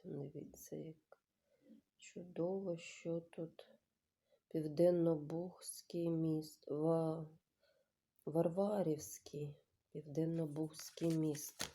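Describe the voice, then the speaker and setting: A woman hosting her own channel, slowly reading out and musing over picture cards in a casual review, often dropping to a whisper. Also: deep voice, mellow. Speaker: tarot channel host. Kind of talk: casual card deck review.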